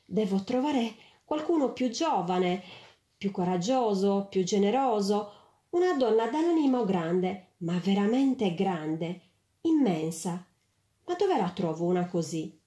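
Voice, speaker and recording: A woman voicing a hesitant male angel messenger in a storybook reading, gentle and earnest, in a roomy space. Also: medium pitch, big pitch swings, measured pace. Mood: worried. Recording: roomy echo.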